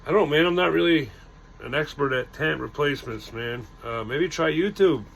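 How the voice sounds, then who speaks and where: A man's voice: a little high, a little slow, a bit bright, slight background noise, pitched above the performer's own voice. A man voicing a brash young male camper who plays the hero dramatically in a spoken campfire story. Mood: sheepish.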